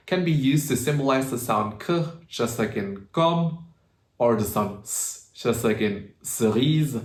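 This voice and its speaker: A man teaching pronunciation in an explanatory video lesson, patient and steady, and slowing down to demonstrate words. His voice sits at an ordinary middle pitch, and the room around him sounds echoey. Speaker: language teacher.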